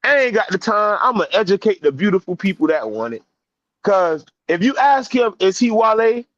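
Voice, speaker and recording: Animated man, slightly high, profane casual storytelling, dry dull online-chat audio. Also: moderate pace, no echo.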